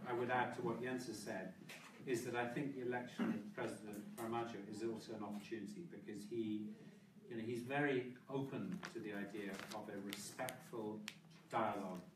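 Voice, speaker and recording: Panel guy, casual quick asides, sounds far off, noisy room. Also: lowish voice, fairly even intonation. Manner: brisk, informal, many "you know" asides. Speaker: panel speaker. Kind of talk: public panel discussion. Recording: roomy hall, distant mic, noise.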